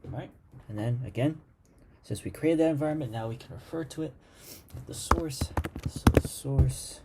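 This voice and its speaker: A man's voice: mid-range voice, normal speed, background noise. A man teaching a coding lesson over his screen, thinking aloud and muttering commands as he types. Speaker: programming instructor. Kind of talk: screen-recorded coding tutorial.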